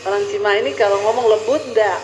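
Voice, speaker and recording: A middle-aged woman pastor with a Sulawesi Indonesian accent, telling stories in an animated sermon with high rising tones. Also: fast talker, echoey room, very noisy. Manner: animated storytelling, high rising tones, addresses congregation as saudara.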